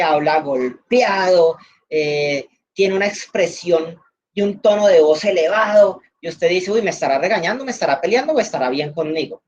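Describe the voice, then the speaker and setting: A woman with a Valle Colombian accent teaches an online class. She talks in a chatty way, leans on everyday examples and uses plenty of fillers. The sound is dull and lo-fi, like call audio. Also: lowish voice. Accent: Valle del Cauca Colombian. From Valle del Cauca, Colombia. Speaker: instructor.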